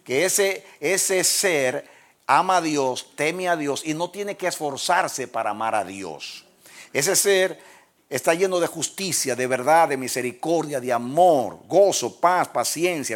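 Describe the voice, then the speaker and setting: A pastor preaching a sermon, swinging from loud, emphatic lines to hushed ones and laughing at his own jokes. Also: a little high.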